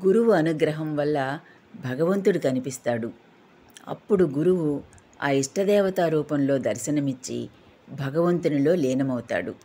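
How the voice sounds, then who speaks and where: Solemn, wise old guru sharing a teaching, read by a woman, husky and low. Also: unhurried, mellow.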